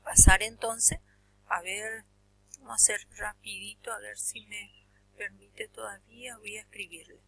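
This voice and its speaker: A woman's voice: mid-range voice, steady tone, normal speed, vocal fry, sharp tone, slight background noise. A woman from Paraguay, teaching a language class and patiently explaining grammar step by step while checking that the students understand. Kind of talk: Guarani grammar lesson.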